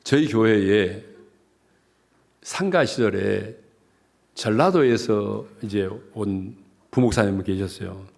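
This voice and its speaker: A man from South Jeolla, Korea, preaching a revival sermon as pastor in a joking, animated way. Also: lowish voice, slow, creaky, long pauses.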